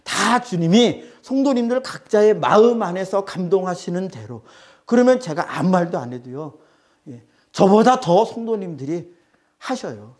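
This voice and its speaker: A man's voice: sits high, animated, moderate pace, darkish tone. A male pastor preaching a sermon, emphatic and repeating his phrases.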